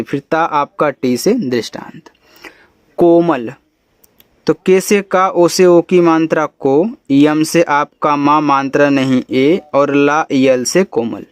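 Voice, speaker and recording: A man's voice: on the high side, no echo. A man teaching spelling, explaining patiently letter by letter. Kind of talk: spelling lesson.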